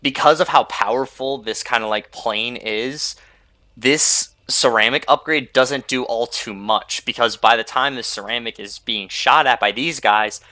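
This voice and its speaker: A man's voice: medium pitch, unhurried, sharp tone, no room sound. A young man hosting a gaming video, rambling casually over his gameplay and filling gaps with "like" and "you know". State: sleepy, yawning. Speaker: gaming channel host.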